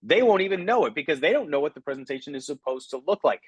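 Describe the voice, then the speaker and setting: A middle-aged man giving an energetic coaching talk on recruiting, often checking in with "okay?". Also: fairly high pitch, quick pace, breathy edge, dry recording. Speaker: recruiting trainer. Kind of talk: motivational training talk.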